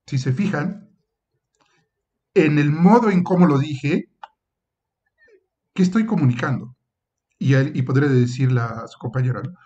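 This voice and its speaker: Lecturing professor, dull lo-fi audio. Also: male voice, a little high, moderate pace, pauses often, warm tone. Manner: explanatory, with frequent "eh" and "este" fillers; acts out short example dialogues. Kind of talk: university lecture.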